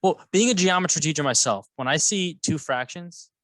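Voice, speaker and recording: A man's voice: on the high side, animated, brisk, a bit bright, no room sound. A man teaching math alongside a colleague, playful and jokey, guiding with questions. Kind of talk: co-teaching a lesson, casual banter.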